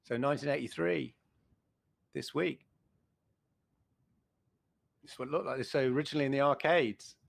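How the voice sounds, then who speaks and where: A man's voice: mid-range voice, moderate pace, vocal fry, long pauses, no echo. A middle-aged man co-hosting a retro gaming show, chatting with enthusiasm and rambling through restarts. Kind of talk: casual chat.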